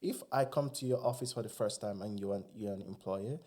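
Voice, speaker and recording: Speaking a little quickly in a lowish, mellow voice, this man has a Nigerian accent and Igbo as his first language. He's a guest on a casual podcast, talking with earnestness and animation.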